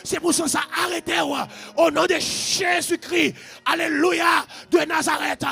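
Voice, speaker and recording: A Haitian preacher with a strikingly high, gravelly voice that cuts bright and sharp. He shouts and chants his sermon in rhythmic repeated phrases. Faint music plays behind him. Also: flat delivery, a little slow.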